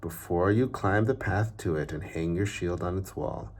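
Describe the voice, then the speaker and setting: A low-pitched man reads to children from a storybook. He phrases each line slowly and deliberately, frequently fading softly at the end.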